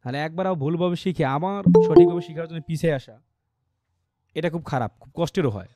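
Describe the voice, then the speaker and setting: A man's voice: fairly high pitch, over loud music. Man teaching English on a video call. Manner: explains patiently, models English phrases slowly with stress. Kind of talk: online class instruction. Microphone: computer mic on a video call.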